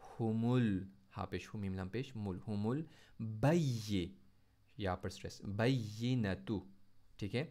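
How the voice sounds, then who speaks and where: A man teaching tajweed in Urdu, reciting words slowly with stress and explaining each letter in quicker, lower asides.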